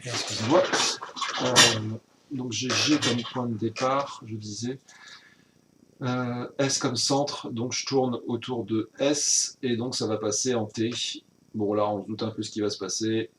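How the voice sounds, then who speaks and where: A man's voice: mid-range voice, fairly even intonation, a little slow, very noisy. A man teaching a recorded virtual class recap, explaining step by step with frequent hesitations and self-corrections.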